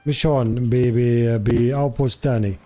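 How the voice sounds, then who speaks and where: A man's voice: medium pitch, steady tone, very fast, mellow, faint music behind. A man with a Jordanian accent, chatting playfully and boastfully on a live game stream, mixing English and Arabic. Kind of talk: casual live-stream chat.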